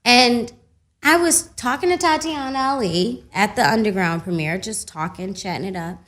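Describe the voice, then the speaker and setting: A young woman, an actress guest, chatting casually in a radio studio and telling animated stories with laughter. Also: a little high, normal speed. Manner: animated storytelling, laughing, loud when excited. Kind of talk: casual radio interview chat.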